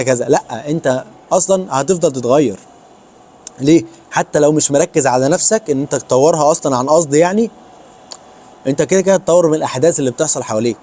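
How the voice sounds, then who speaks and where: Rapid-talking Egyptian young man. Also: fairly high pitch. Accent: Egyptian Arabic. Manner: rapid, animated, mixes English words into Arabic. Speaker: vlogger. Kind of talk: casual advice vlog.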